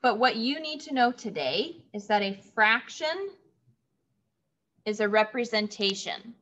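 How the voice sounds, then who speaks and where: A woman teaching third graders in an online lesson, speaking slowly and clearly and repeating key words for the children. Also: a little high, lively intonation, a bit bright. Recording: dull lo-fi audio.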